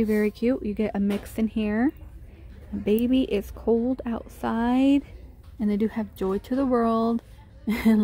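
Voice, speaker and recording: A shopping vlogger with a medium-pitched, dark-toned voice records a shop-with-me walkthrough on her handheld phone camera. Inside a large retail store, she chats and gushes over the cute things she finds.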